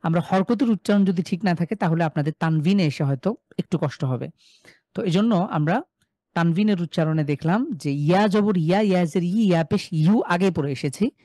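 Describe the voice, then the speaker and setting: A man's voice: high-pitched, moderate pace, warm tone, dry recording. A man teaching Quran recitation rules in a live online class, patiently repeating syllable drills and speaking to students by name. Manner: addresses students by name, reads chat replies.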